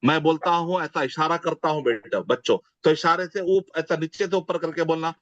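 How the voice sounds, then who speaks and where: Guy teaching an arabic class online, slightly high voice, says words slow over and over, dull dry audio. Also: a bit bright, dry recording. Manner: drills words slowly, repeating each several times.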